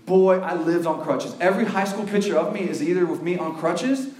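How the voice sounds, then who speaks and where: A lively man in his thirties with a high voice tells a comic story to a big crowd. He is animated, jumps into loud acted quotes and chuckles along. His voice rings around a roomy hall. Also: brisk. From Cuban family, raised in the US. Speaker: youth event speaker. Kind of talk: comedic storytelling to a live crowd.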